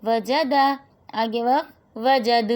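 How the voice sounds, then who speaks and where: A woman teaching Quran reading, spelling words slowly syllable by syllable, then explaining the rules quickly and checking in with "okay?". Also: a little high, darkish tone.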